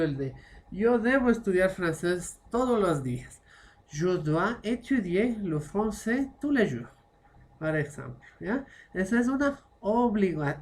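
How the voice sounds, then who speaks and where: A woman's voice: fairly low pitch, darkish tone. A woman teaching a French class online, explaining patiently and constantly checking understanding with short tag questions. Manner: explains patiently, mixing French phrases into Spanish.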